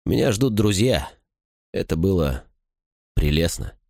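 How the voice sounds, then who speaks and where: A man's voice: low-pitched, expressive, unhurried, creaky, dark tone, dry recording, studio quality, exaggerated voice. A man voicing an aloof young nobleman in an audiobook, curt and detached. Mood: cold.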